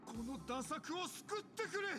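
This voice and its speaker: A male actor playing a domineering film director villain in a game, with slow, theatrical, commanding menace. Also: extremely high pitch, animated, over music. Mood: commanding, menacing. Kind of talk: Japanese game voice acting.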